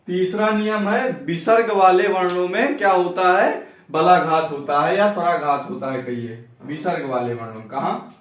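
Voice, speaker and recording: A man teaching a grammar lesson, dictating slowly phrase by phrase and repeating examples aloud. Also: high-pitched. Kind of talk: classroom lesson. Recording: echoey room, from a distance.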